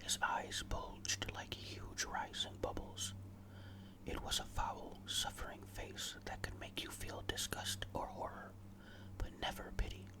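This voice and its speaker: A storyteller reads a ghost story as ASMR, never rising above a whisper. The delivery is hushed, deliberate and suspenseful, with no voiced tone at all, as scripted narration for close listening. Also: poor audio. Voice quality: fully unvoiced whisper.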